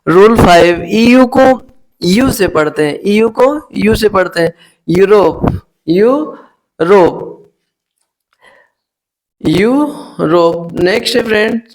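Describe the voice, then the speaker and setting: A man's voice: high-pitched, a little slow. A man teaching English pronunciation rules in Hindi, spelling words letter by letter and repeating each word as he addresses viewers as friends. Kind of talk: spoken phonics lesson.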